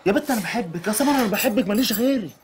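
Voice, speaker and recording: A man's voice: high voice, animated, rapid-fire, soft background music. An actor playing a working-class Egyptian husband with an Egyptian accent, joking and coaxing his upset wife. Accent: Egyptian Arabic. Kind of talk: TV drama acting.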